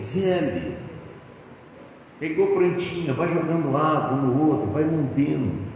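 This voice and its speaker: A man's voice: mid-range voice, darkish tone, slight background noise. A man preaching a sermon as pastor, telling folksy stories about married life and calling listeners brother. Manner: folksy storytelling, acting out couples' dialogue; addresses congregation as "irmão". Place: church hall. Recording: echoey hall, distant mic, dull sound.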